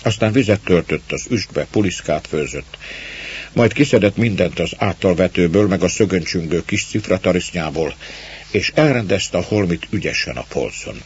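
A man reading a story aloud in a measured, scripted narration. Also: sits low, lively intonation, slight background noise. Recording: dull lo-fi recording.

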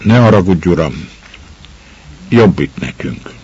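A man's voice: sits low, expressive, darkish tone, husky, heavily acted. A man voicing a poor young mother who answers the lord in a shaky but firm voice, on a slightly muffled recording. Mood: defiant. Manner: trembling yet firm.

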